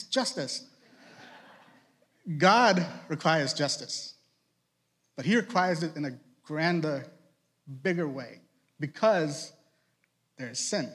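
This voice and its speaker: A ministry director, young and from Trinidad, speaks in a fairly high, somewhat bright and slightly rough voice while giving a conversational youth sermon. The Trinidadian accent shows Boston influence, and he leans on rhetorical questions and brief asides.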